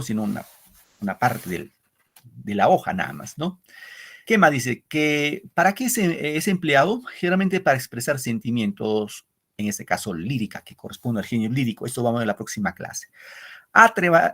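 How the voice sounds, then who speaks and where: A middle-aged man teaching literature online, with a gravelly, husky voice. He goes over each point more than once and keeps checking in with his students with a quick "¿no?" as he explains. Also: mid-range voice, a bit bright. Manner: explains with repetition and asks "¿no?" often; addresses pupils as "queridos muchachos". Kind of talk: online class lecture.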